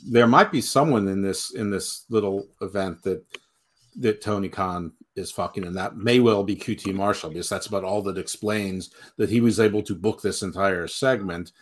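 A man co-hosting a wrestling podcast over an online call, tossing in quick crude wisecracks. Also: lowish voice. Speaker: podcast co-host. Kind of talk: casual chat.

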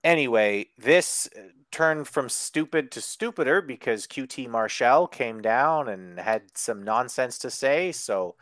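A man's voice: mid-range voice, lively intonation, a little slow, few pauses, a bit bright, dry recording. Sarcastic man ranting on a wrestling podcast. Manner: sarcastic and profane, frequent ums and restarts. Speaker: podcast co-host recapping wrestling. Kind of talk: casual chat.

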